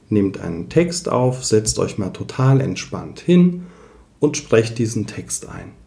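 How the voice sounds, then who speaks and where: Male voice coach, low and warm, explains and demos voice tricks, echoey room. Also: creaky. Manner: demonstrates voice techniques while explaining. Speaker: voice coach and speech therapist. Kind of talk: explanatory interview talk.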